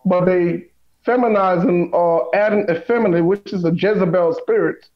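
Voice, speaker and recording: A man with a high voice lays out his points with emphatic, sermon-like weight. He slows down to repeat his key lines. The recording sounds dull and lo-fi. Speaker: guest. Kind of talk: preachy conversation.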